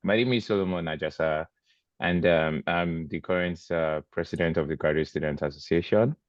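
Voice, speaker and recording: A man with a deep voice introduces himself briefly and with enthusiasm as a student leader. His audio is dull and dry, like a lo-fi video call. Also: normal speed, no room sound. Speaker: graduate student association president. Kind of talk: panel self-introduction.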